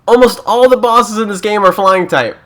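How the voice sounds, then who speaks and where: A man's voice: high-pitched, moderate pace, bright, forceful tone. Chatty Canadian man gaming. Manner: chatty, joking, reads game prompts aloud and laughs often. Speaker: YouTuber. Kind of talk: casual let's-play commentary.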